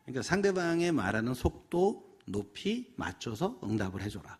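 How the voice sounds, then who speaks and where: Middle-aged guy lecturing at a parenting seminar, husky voice, swoops up and down a lot. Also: medium pitch, moderate pace. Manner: animated, acts out examples in voices.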